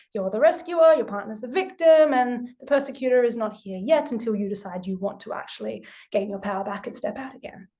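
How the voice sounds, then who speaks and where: A woman's voice: sits high, a little mellow. Candid, swearing woman teaching an online class. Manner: candid, emphatic, swears freely. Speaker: spiritual teacher. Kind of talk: live online class talk. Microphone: video call.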